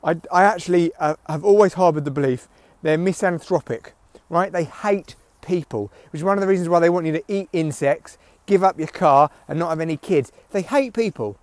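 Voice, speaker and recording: Male comic podcaster, fairly high voice, sweary rambling monologue, dry sound through a headphone mic. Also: a little fast, no echo. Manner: sweary, ranting, opinionated. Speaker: podcast host, comedian. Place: outdoors in windy weather. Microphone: headphones used as mic. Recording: recorded through headphone mic, rustly clicks.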